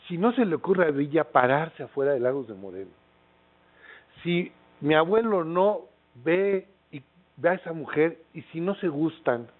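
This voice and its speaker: A middle-aged Mexican man with a Mexican accent giving a lecture as a casual storyteller, with lots of fillers and tag questions. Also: a little high. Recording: tinny phone-like lecture recording.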